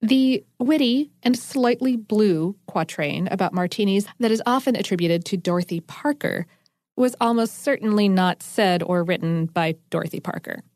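A woman's voice: mid-range voice, normal speed, darkish tone, no room sound. Chatty woman co-host, dry close mic. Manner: chatty, enthusiastic, explains with asides. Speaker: podcast co-host. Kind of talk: casual chat explaining food science.

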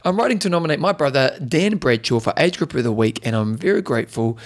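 A man's voice: mid-range voice, expressive, fast talker. Chatty man with a broad Kiwi accent. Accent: broad New Zealand. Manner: colloquial, matey slang. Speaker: podcast host. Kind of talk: casual co-hosted sports chat.

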